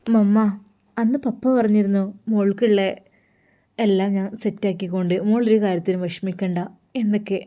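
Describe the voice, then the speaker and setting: A gentle, devout young woman, voiced by a woman, speaks with tender affection. Her voice is mellow and warm, in the even manner of an audio storybook. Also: medium pitch, normal speed, lightly acted. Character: gentle, devout young woman, soft-spoken daughter-in-law.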